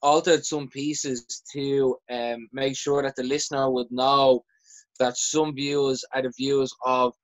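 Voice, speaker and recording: A man's voice: medium pitch, flat delivery, takes it slowly, dry recording. An Irish man, a poet, speaking frankly and reflectively in a podcast chat, often restarting his sentences. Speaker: poet guest. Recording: dry, dull sound.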